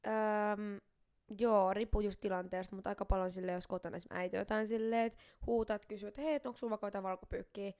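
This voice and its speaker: A young woman co-hosting a casual podcast chat, talking quickly and running words together when she gets excited. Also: medium pitch, clean tone. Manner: talks fast, skips words when excited. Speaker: podcast co-host.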